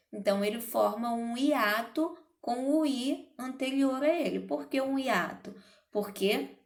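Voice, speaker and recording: A woman teaching a grammar lesson, speaking deliberately and checking in with her students as she explains. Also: on the high side, roomy sound. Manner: slow, deliberate, checks in with "certo?" and "ok?". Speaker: Portuguese teacher.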